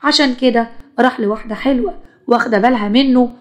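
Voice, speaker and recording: A woman voicing a harsh, scolding older mother-in-law in an animated storybook tale, talking down to her listener. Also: fairly high pitch, fast, muffled recording, close to an everyday voice. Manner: scolding, condescending.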